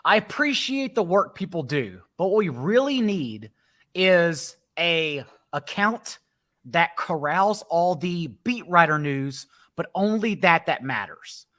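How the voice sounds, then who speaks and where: A man hosting a casual sports podcast livestream, joking and brisk. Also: a little high, very animated, fairly bright tone. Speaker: host.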